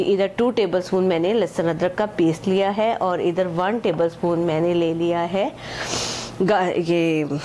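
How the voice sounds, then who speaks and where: Speaking in a lowish, mellow voice over slight background noise, a woman hosting a home cooking channel explains her recipe one step at a time. She chats casually, often saying "acha ji" and "ye dekhen" to direct viewers, and blends English measurements into Hindi-Urdu.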